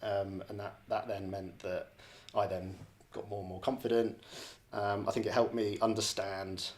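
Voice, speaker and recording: A real estate director guesting on a podcast, this Scottish borders man answers casually and reflectively. He's hesitant and prone to repeating and rephrasing phrases. The voice sits on the low side with a darkish, level tone at normal speed.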